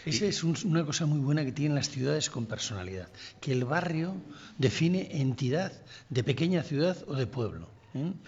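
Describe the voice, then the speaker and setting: Older guy, gravelly raspy voice, thinking out loud, a bit muffled. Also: on the high side, animated. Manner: reflective storyteller, pauses and restarts. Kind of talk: casual conversation.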